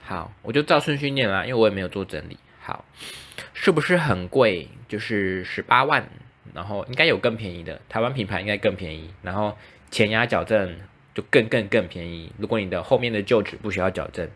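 A man's voice: fairly low pitch, lively intonation, a little fast, a bit bright. A young man with a Taiwanese Mandarin accent chatting casually on his own podcast, self-mocking and acting out the dialogue in his stories. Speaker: podcast host. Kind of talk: casual solo podcast chat.

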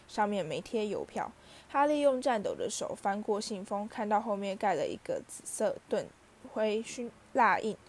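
A woman reading a children's novel aloud, narrating steadily and expressively. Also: mid-range voice. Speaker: audiobook reader.

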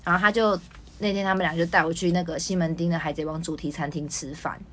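A woman's voice: lowish voice, level tone, fast, a little hiss or hum. A woman co-hosting a podcast, telling candid stories in a jokey way. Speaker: podcast co-host. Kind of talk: casual chat.

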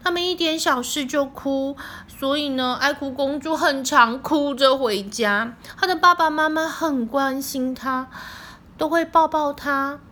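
A woman reading a picture book aloud to a child, playful and animated, asking the child questions. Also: sits high, a little slow.

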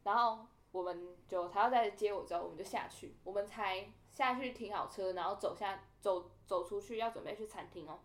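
A young woman tells a story on a casual podcast, talking quickly. She acts out the people she quotes with animated shifts in her voice, which sits in an ordinary middle register. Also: mid-range voice. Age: young adult. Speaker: podcast co-host.

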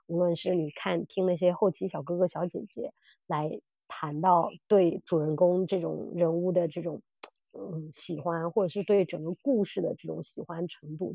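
A woman co-hosts a podcast, casually discussing audio dramas and circling back, repeating phrases as she works out her point. Her lowish voice has vocal fry and a warm tone, on a dry, muffled recording.

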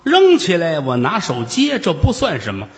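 A man's voice: huge pitch swings, moderate pace. A man playing a blustering old immortal. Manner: blustering, shouts in a high voice. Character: indignant old male Taoist immortal. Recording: long hall reverb.

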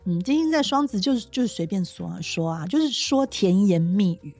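A woman's voice: mid-range voice, lively intonation, brisk, a little mellow, no room sound, faint music behind. A woman, hosting a casual chat and explaining astrology eagerly, laughing often. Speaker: podcast host and astrologer.

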